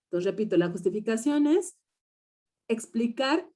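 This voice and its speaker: A woman's voice: fairly high pitch, lively intonation, moderate pace, warm tone. A woman with a Mexican Spanish accent teaching a research seminar, explaining step by step and checking in often with her students. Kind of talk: lecture to students.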